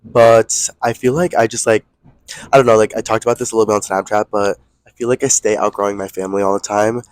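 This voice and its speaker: A young American man with a slightly low voice chats close to the mic, with very little room sound. His talk is casual and gossipy, thick with slang and exclamations, like a podcast co-host catching up with a friend. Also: steady tone, fast talker, no echo. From US East Coast, Connecticut. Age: young adult. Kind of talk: casual chat. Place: aboard a moving train. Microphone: close podcast microphone.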